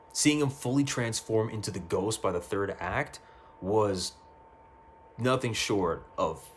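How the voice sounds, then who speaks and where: A man talking casually about a video game ending, excitable, swearing freely and often stumbling over and repeating his words. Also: on the low side, a little hiss or hum. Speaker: gaming youtuber. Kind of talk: casual game review monologue. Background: faint music.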